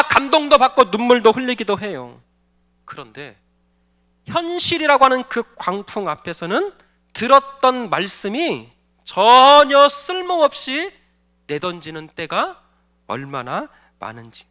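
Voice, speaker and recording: High bright-voiced male pastor preaching. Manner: emphatic preaching, asks the congregation questions. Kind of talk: sermon. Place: church sanctuary.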